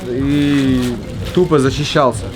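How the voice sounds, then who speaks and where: A man's voice: mid-range voice, fairly even intonation, takes it slowly, music in the background. A man, a fighter, talking casually and colloquially in short bursts in an interview. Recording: noisy crowd behind voice.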